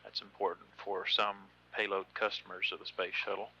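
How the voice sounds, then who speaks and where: A man giving measured, matter-of-fact live commentary on a spaceflight as mission control's announcer. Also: deep voice, level tone, sharp tone, breathy edge. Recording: slightly noisy, dull broadcast line.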